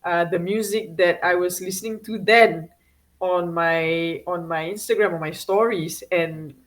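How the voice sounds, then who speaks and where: A woman's voice: lowish voice, fairly even intonation, measured pace, poor audio. A woman from Singapore, a guest chatting casually in an interview, with many fillers, restarts and laughs.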